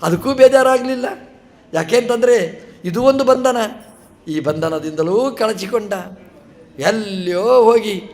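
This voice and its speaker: A man delivers a storytelling sermon in a high, light voice. He recounts a scripture tale, stopping to ask the listeners rhetorical questions and briefly voicing the characters' words. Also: expressive, a little slow, pauses often, a little mellow. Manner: narrates a scripture story, acts out short dialogue and asks rhetorical questions. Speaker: religious teacher giving a discourse.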